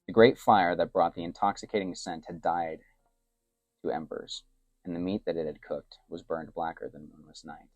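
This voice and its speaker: A man narrating an adventure story in a soft, hushed storytelling manner, dropping to whispers for characters' thoughts. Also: sits low, fairly even intonation, normal speed, no room sound.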